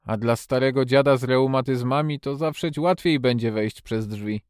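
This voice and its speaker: A man voicing a stubborn, loyal old male gardener in a storybook reading, speaking slowly with emphasis. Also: mid-range voice, darkish tone, clear, resonant tone, dry recording, studio quality, lightly acted.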